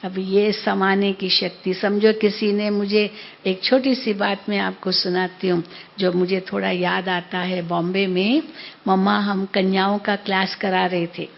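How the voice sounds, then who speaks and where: An older woman in her seventies, a spiritual teacher telling stories in a class, gentle and unhurried, often checking in with her listeners. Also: mid-range voice, little pitch movement, creaky. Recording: dull lo-fi recording.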